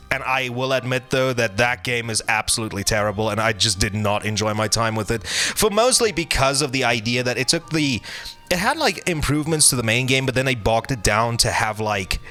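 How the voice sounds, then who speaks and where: A man rambles through an offhand opinion piece, his voice bright and forceful, full of restarts and salty language. Faint music sits under his talk. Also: medium pitch. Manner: rambling, many restarts and fillers, blunt and profane. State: hiccuping. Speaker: gaming channel host. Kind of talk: casual rambling game commentary.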